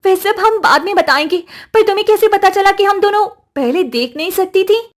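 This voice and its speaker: An actress playing a brave young village sister who speaks eagerly and pleads for justice. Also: female voice, very high voice, lively intonation, moderate pace. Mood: determined.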